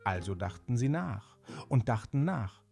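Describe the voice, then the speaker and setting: A man narrating a children's animal fable in a gentle, unhurried way with small fillers. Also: medium pitch, sing-song, gravelly, soft background music. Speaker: storyteller.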